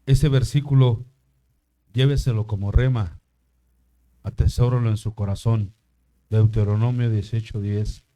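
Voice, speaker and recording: Older man, pastor's sermon, mellow voice, questions to the congregation. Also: fairly low pitch, fairly even intonation, a little slow, pauses often. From Mexico. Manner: preaches with rhetorical questions to the congregation. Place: church.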